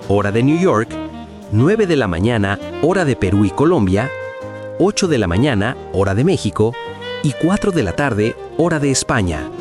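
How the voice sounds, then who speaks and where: Lively man reading a radio promo. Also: mid-range voice. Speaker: promo announcer. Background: guitar music.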